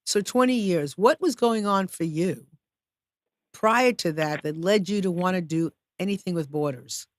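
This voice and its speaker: A woman's voice: lowish voice, a little slow, no echo. A woman hosting a live studio talk show, upbeat, chatty and welcoming. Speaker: show host.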